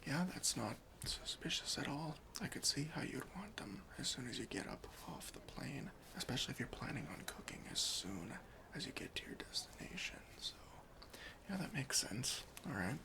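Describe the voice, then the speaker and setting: A man whispers his way through an ASMR roleplay as a fussy but easily swayed airport security officer, asking questions with mock-stern courtesy. His breathy, whispery voice sits at a medium pitch with a sing-song lilt, and he sounds agreeable and musing.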